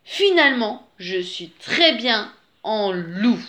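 A woman's voice: very animated, slow pace, heavily acted. A woman voicing a big, fussy male wolf who keeps exclaiming in exasperation. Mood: exasperated. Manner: exasperated exclaiming, high and loud.

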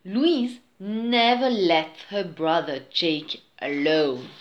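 A woman reading a children's picture book aloud in an expressive storytelling manner. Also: lowish voice, lo-fi sound. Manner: slow, expressive, singsong storytelling.

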